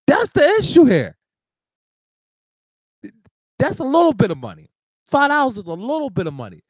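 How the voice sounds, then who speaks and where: Show host, male, high bouncy voice, animated rant, close dry mic. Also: moderate pace, husky, dry recording, poor audio. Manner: animated ranting with laughs and repeated restarts. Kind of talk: live talk show monologue.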